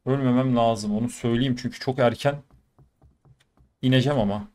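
A man's voice: mid-range voice, a little fast. Chatty man commentating a shooter game. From Turkey. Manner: chatty, addresses viewers, bursts of excitement. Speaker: gaming YouTuber. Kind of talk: live commentary over mobile shooter gameplay.

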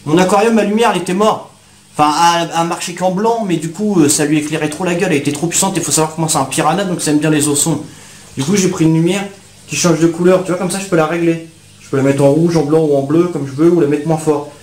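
A man's voice: on the high side, fast, darkish tone, roomy sound, poor audio. A young man casually unboxing gadgets for his viewers, talking in street slang and calling them brothers. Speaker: YouTuber.

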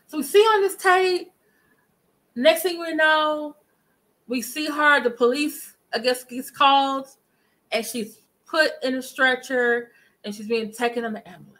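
Streaming casual live commentary from her living room, a middle-aged woman talks emphatically and says hello to viewers in chat. She has a high, fairly bright voice, picked up by a webcam at desk distance in a rough recording.

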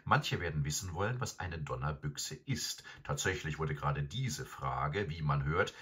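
A man narrating a fairy tale audiobook in an expressive, dramatic way. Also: very deep voice, unhurried, husky. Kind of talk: scripted storybook narration.

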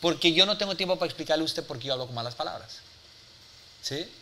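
Brief: forty-something male mentor, slightly high, sharp and forceful, blunt and profane with a crowd. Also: animated, fast, slight background noise. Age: 40s. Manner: blunt, forceful, swears freely, peppers with "¿sí?". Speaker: business speaker and mentor. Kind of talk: live mentoring talk to an audience.

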